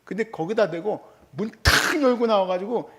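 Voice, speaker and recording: A middle-aged male pastor giving a conversational, animated sermon in a church, often acting out quoted remarks. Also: high-pitched, normal speed, background noise. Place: church hall.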